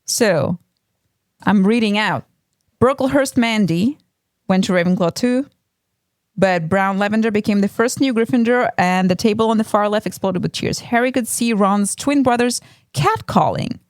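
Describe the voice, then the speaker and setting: Co-hosting a relaxed book podcast at home with a cat nearby, this woman from Russia talks in a Russian accent and stumbles through her thoughts, full of ums and false starts. Her mid-range voice moves at a normal speed in a dry, studio-quality recording.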